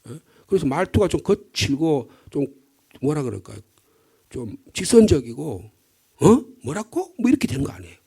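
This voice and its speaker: Lively, husky Korean pastor preaching. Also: male voice, on the high side, brisk. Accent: Gyeongsang Korean. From Gyeongsang region, Korea. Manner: conversational, lively storytelling with acted quotes and rhetorical questions. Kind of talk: early-morning prayer sermon.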